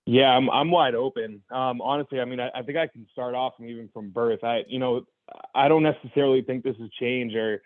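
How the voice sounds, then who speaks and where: A young man appearing as a guest recounts his own life openly, earnest and thoughtful, with many restarts and repeated "you know"s. His mid-range voice is steady and fairly quick, with no room sound, though the line is tinny like a phone.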